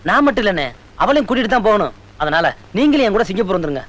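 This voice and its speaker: An actor playing an earnest young married man who speaks in a pleading, brisk way in a Tamil film comedy. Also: high-pitched, sing-song, a bit bright.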